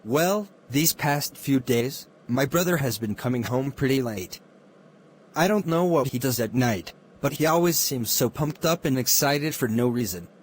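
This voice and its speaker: A man's voice: mid-range voice, lively intonation, normal speed, close to an everyday voice. A man acts out a grieving teenage brother in a murder mystery film. He is hot-headed, and there is faint background noise on the recording. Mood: subdued.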